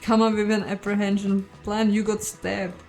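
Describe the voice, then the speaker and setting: A woman's voice: mid-range voice, flat delivery, normal speed, darkish tone, faint music behind. A woman playing a story game, reading its text aloud with casual asides and the odd curse. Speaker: game streamer. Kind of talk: voiced game playthrough.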